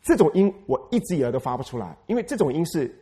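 Animated male pastor preaching. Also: fairly high pitch, quick pace. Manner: emphatic, repeats phrases, asks the congregation questions. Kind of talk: lively sermon.

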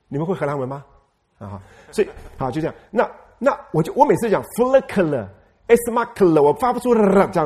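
A male pastor preaches with quick energy. His fairly high voice rises and falls a lot as he repeats lines for emphasis. He keeps putting questions to the congregation. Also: a little mellow. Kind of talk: lively sermon.

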